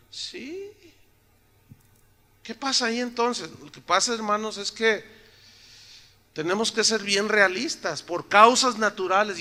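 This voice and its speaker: A man's voice: high-pitched, pushed and bright. A man preaching a sermon to a church congregation, joking with them and tossing out rhetorical questions. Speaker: pastor.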